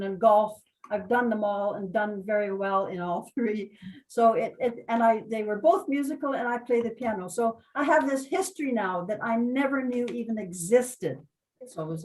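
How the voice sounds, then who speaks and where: An older woman on a video call tells a personal story in a reflective, halting way, with restarts. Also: medium pitch, a little mellow, distant mic, low-quality recording. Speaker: workshop participant.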